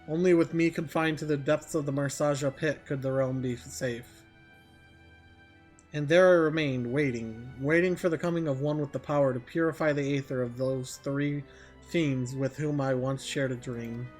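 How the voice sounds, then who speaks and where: A man's voice: medium pitch, steady tone, normal speed, darkish tone, soft background music, lightly acted. Man playing a solemn, remorseful old mage. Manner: grave, formal archaic confession. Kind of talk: reading game dialogue aloud in character.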